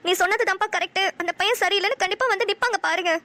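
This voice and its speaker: A woman voicing a gentle comforting businesswoman. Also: very high-pitched, very fast, no room sound. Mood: caring, concerned. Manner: soft, soothing, caring. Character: kind young businesswoman, gentle comforting friend. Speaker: cartoon voice actor. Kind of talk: Tamil cartoon dialogue.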